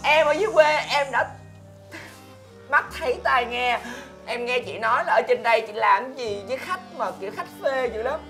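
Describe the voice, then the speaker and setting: A naive, emotional younger sister from the countryside. Her voice sits high, and she is whiny and melodramatic. Soft music plays behind her in this sitcom scene. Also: normal speed. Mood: dramatic. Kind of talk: sitcom acting.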